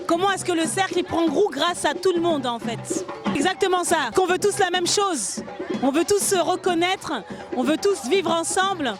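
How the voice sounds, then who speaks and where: A woman with a very high voice speaks with enthusiasm in a flowing street interview. She is recorded outdoors at a festival, with music playing clearly and a crowd audible behind her. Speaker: choreographer.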